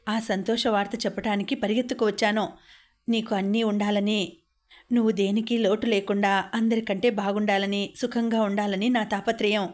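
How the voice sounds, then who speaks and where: A woman's voice: mid-range voice, darkish tone, close to an everyday voice. A woman reading an exasperated doctor husband. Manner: impatient, indignant questioning. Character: young married male doctor, busy and exasperated husband.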